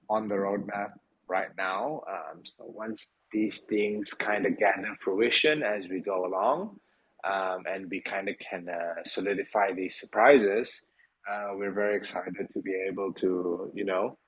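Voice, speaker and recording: A man's voice: lowish voice, slightly rough, rough recording. A man hosting a live audio chat, talking loosely with lots of fillers and the odd swear. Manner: loose, filler-heavy, informal and a bit profane. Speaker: project team member hosting an AMA.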